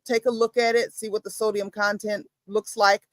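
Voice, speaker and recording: A woman chatting casually on a video-call livestream, playful and teasing with an animated manner. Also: mid-range voice, normal speed, dry recording.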